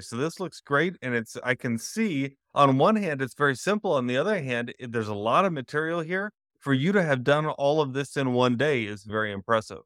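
Upbeat host on a video call. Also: male voice, mid-range voice, fairly bright tone, no room sound, studio quality. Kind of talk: casual interview chat.

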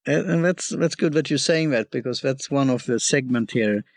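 Man, podcast host, gravelly voice, dry close sound, halting speech with many restarts. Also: medium pitch, dry recording. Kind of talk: casual interview.

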